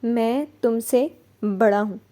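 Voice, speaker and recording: A woman's voice: on the high side, takes it slowly, warm tone. A woman voicing a bold, stubborn young man in love, teasing and sure of himself, as she reads a novel aloud. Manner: playful and stubborn. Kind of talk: novel reading.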